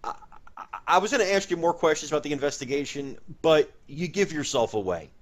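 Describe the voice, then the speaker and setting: A man's voice: fairly high pitch, big pitch swings, brisk. Emphatic, mock-indignant male host. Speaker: comedy show host. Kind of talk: comedy sketch hosting.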